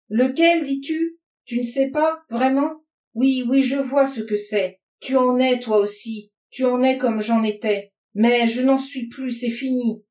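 Un jeune homme amer et furieux, qu'une femme interprète en lisant, hurle son dégoût de l'humanité. La voix monte et force, portée par un enregistrement lointain et réverbéré. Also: female voice, high-pitched, pitched above the performer's own voice. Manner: shouting, scornful tirade. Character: furious, bitter young man raging against mankind. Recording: roomy sound from a distance.

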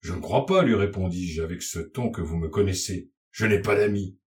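A man's voice: sits low, steady tone, moderate pace, a little mellow, voice pushed down, natural voice. A man reading aloud and voicing an anxious, blustering bourgeois father recounting his ordeal. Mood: agitated.

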